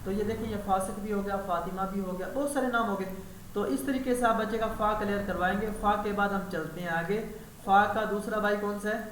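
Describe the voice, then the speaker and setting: A man's voice: sits high, a bit bright. A man leading an online teacher training lesson, explaining step by step and quizzing his trainee as he goes. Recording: echoey room, faint hiss.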